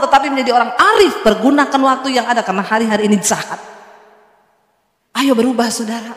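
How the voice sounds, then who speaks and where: A middle-aged woman pastor from Indonesia preaching a sermon, lively storytelling with humor and acted dialogue. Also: on the high side. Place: large church hall. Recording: echoey hall reverb.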